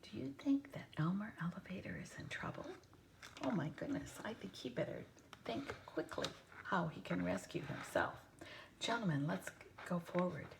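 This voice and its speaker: A woman teacher reading a children's book aloud to her students, pausing to ask them questions and often dropping to a whisper. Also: lowish voice, lively intonation, vocal fry.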